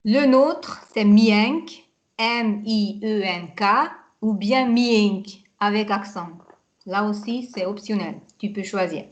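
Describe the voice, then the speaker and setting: Woman teaching slowly over a call. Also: mid-range voice, highs cut off. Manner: spells words out letter by letter, patient and corrective. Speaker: Hungarian teacher. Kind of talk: language lesson over video call. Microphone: video call.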